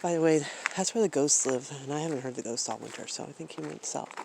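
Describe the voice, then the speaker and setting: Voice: mid-range voice, fast talker, gravelly, noisy background. A vlogger talking casually into a phone camera at home, rambling with lots of fillers and restarts. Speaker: travel vlogger.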